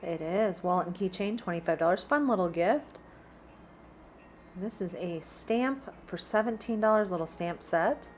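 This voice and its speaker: A woman's voice: fairly low pitch, moderate pace, faint music behind. A woman chatting casually as she browses a store, reading out prices as she walks. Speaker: shopping vlogger. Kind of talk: casual shop-with-me narration. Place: inside a large store.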